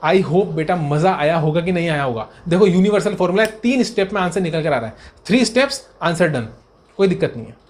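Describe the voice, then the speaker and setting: Man, high-pitched, accountancy tutor, revision lecture, brisk, repetitive, coaxing. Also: lively intonation. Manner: brisk, repetitive, answers his own questions in a student's voice; fond, coaxing tone toward students.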